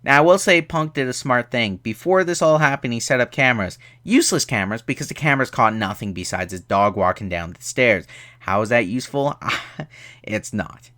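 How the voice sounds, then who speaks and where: A man's voice: mid-range voice, animated, brisk, bright, forceful tone. A tired young man casually reviewing a horror movie, rambling and sarcastic, with lots of fillers.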